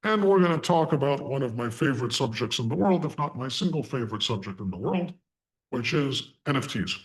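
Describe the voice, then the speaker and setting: Guy giving an online lecture thru a voice changer, disguised deep villain-mask sound, kinda muddy, deliberate phrasing. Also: lively intonation, poor audio. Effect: voice changer giving a disguised deep, Darth Vader-like voice. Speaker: online course instructor. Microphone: online video call through a voice changer.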